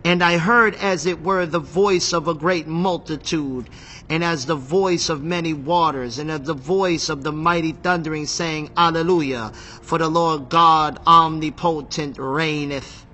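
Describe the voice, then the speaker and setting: A man teaching from the Bible in an excitable, emphatic way, repeating phrases and reading scripture aloud while seated. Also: on the high side, unhurried. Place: seated in a chair.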